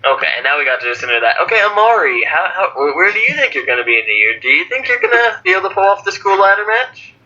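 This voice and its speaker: A man's voice: high-pitched, very animated, fast, few pauses, bright, forceful tone. A man on a casual online radio call who keeps interrupting with pushy questions. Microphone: video call. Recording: lo-fi call audio.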